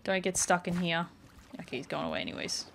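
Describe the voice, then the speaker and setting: A woman's voice: lowish voice, very animated, fast, gravelly, noisy background. A woman gaming YouTuber giving casual, rambling let's-play commentary with lots of "like" and "um" as she plays. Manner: chatty, rambling, many "like" and "um" fillers.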